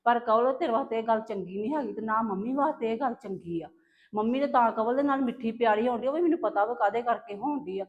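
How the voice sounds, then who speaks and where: A woman's voice: a little high, fast talker, highs cut off. A woman playing an elder daughter-in-law in a family drama, lecturing and self-righteous. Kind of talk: scripted family drama acting.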